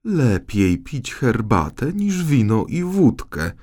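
A man's voice: medium pitch, very animated, slow pace, a little mellow, pitched above the performer's own voice. A man doing a prim, scolding queen. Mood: firm. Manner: firm, lecturing. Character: prim sharp-tongued queen, middle-aged.

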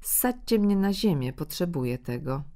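A woman voicing a clever, lively thumb-sized peasant boy in a fairy tale, calling out high and eager. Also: moderate pace, close to an everyday voice. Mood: eager, bold. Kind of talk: storybook reading.

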